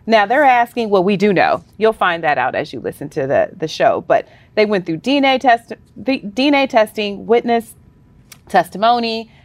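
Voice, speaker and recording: A woman co-hosts a podcast in a loose, playful chat. She laughs easily and drawls "honey" for effect, at an everyday middle pitch. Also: big pitch swings, moderate pace, no echo. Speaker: podcast co-host.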